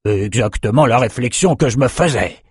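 A man's voice: medium pitch, expressive, moderate pace, darkish tone, slightly rough, no echo. A man voicing an old male wizard in an audiobook, making dry, understated remarks.

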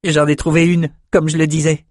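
A man's voice: a little high, little pitch movement, fairly quick, no echo, studio quality, voice pushed up, natural voice. A man reading an audiobook voices an eager, boastful young redheaded sailor in a raised, breathless voice.

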